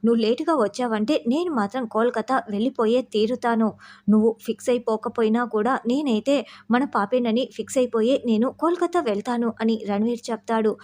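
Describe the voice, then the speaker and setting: A woman's voice: a little high, darkish tone. A woman recapping a TV serial episode, reading every character's lines in her own voice. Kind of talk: recap narration with quoted dialogue.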